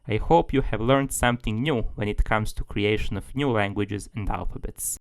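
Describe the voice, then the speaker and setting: A man's voice: on the low side, normal speed, dry recording. A man giving a tutorial as a language tutor, explaining things steadily, step by step.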